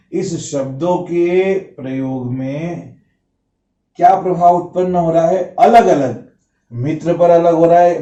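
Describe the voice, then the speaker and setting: A man teaching a grammar lesson, explaining slowly and repeating example sentences. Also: on the high side, dark tone, distant mic. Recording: roomy, slightly dull home recording.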